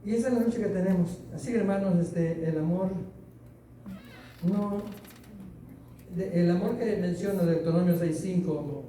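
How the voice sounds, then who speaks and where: A man's voice: sits high, normal speed, long pauses, mellow, far from the mic. A man preaching a sermon to a congregation, speaking conversationally with stories and questions, in a church hall. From Latin America. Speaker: pastor. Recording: very echoey room, voice from off-mic, faint hiss.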